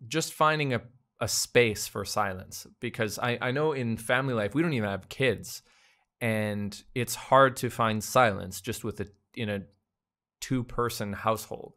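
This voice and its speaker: A man's voice: medium pitch, moderate pace, sharp tone. A man co-hosting a casual podcast conversation, thinking aloud with fillers and restarts. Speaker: podcast co-host.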